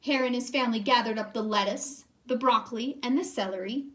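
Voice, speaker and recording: A woman's voice: a little high, fairly quick, noisy background. A woman teacher reading a children's storybook aloud expressively, speaking directly to young listeners.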